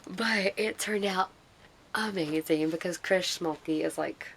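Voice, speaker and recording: A woman vlogger telling an excited, rambling story in a casual way. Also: lowish voice, takes it slowly, creaky, slight background noise.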